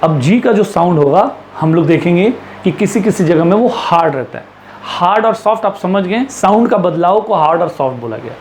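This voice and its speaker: A man teaching English pronunciation in a classroom-style lesson, with an Indian English accent, asking rhetorical questions and drawing out the example words slowly. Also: high-pitched, animated, darkish tone, a little hiss or hum. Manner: slow drawn-out English examples, brisk Hindi explanations, lots of rhetorical questions.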